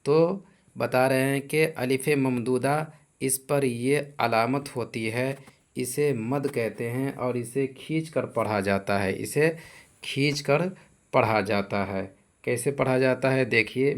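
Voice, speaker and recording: Patient man teaching grammar slowly. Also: medium pitch, steady tone. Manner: patient, repeats each point and example slowly. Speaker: Urdu teacher. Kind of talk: grammar lesson.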